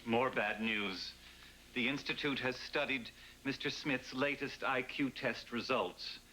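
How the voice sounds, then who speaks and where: A man's voice: mid-range voice, measured pace, sharp tone, a little hiss or hum, low-quality recording. An actor playing a formal, loyal male household servant in a 1980s sitcom, precise and dryly ironic.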